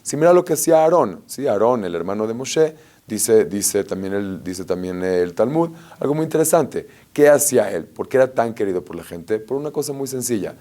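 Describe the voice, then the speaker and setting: A rabbi giving a lively Torah lesson, telling stories and asking rhetorical questions. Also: male voice, on the low side, brisk, hardly any pauses. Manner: animated storyteller, asks rhetorical questions.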